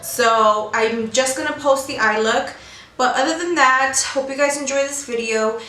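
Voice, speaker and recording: A woman's voice: sits high, moderate pace, bright, forceful tone. A young American woman giving a casual, chatty makeup tutorial with informal, slangy talk while chewing gum. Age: young adult. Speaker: beauty vlogger. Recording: roomy echo, faint background noise.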